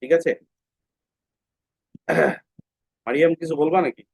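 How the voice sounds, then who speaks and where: A man teaching English phonics to children in a classroom, patiently asking questions and then answering them himself, and repeating words slowly. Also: a little high, sing-song, breathy edge, dry recording. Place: classroom with students. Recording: dull, dry lo-fi sound.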